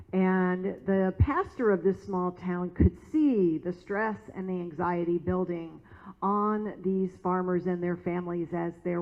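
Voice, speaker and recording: A woman's voice: lowish voice, creaky. A woman minister preaching a sermon in a conversational, storytelling manner in a church. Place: church sanctuary. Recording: tinny phone-like sound.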